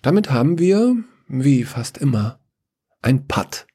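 A man's voice: mid-range voice, very animated, slow pace, mellow, slightly rough, pitched above the performer's own voice, exaggerated voice. A man voicing Order, a fussy, bureaucratic male figure who talks in a prim, hectic way.

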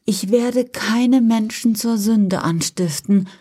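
A woman's voice: fairly high pitch, slow, dark tone, breathy edge. Woman voicing a tearful pleading young angel, whispered. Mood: anguished pleading. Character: young female angel, blinded, anguished and pleading. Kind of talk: whispered role-play.

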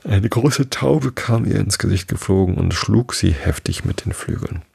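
A man narrating a classic fairy tale as an audiobook, steady and unhurried. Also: lowish voice, creaky, slightly rough.

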